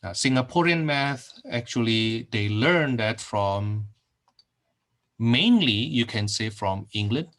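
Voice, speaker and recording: A middle-aged man from Indonesia, speaking slowly in an expressive, medium-pitched and somewhat bright voice, teaches math over a screen recording. The online lecture is peppered with okays, fillers and repeated phrases.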